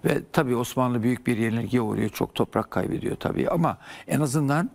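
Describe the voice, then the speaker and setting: A man's voice: medium pitch, a little fast, gravelly, darkish tone. An older man, a historian guest in a TV studio, explaining at length with frequent hesitations.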